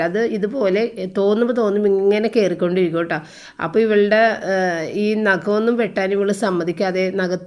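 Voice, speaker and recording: A middle-aged housewife chatting casually to her viewers while riding in a car, with drawn-out filler sounds and frequent asides to the audience. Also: medium pitch. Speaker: vlogger and housewife. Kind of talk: casual vlog narration. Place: inside a car on a road trip.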